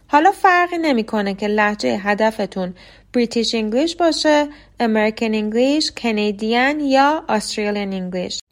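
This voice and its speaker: Persian-speaking woman teaching pronunciation. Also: fairly high pitch. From Iran. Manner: clear, explanatory, slows down to model example words. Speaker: podcast host teaching English pronunciation. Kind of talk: scripted lesson monologue.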